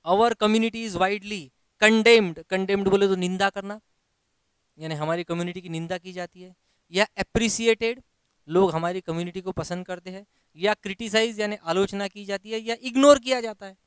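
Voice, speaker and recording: A man teaching English for an exam, with an Indian accent, reading English sentences slowly, then explaining them in Hindi and asking rhetorical questions. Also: sits high, steady tone, clean tone, dry recording. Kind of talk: classroom lecture.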